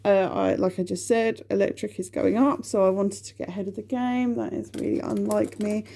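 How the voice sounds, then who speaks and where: Gravelly-voiced woman going over her budget. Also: mid-range voice, steady tone, fairly quick, dark tone, a little hiss or hum. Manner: chatty, talking through figures and correcting herself. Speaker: budgeting vlogger. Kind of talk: casual budget check-in.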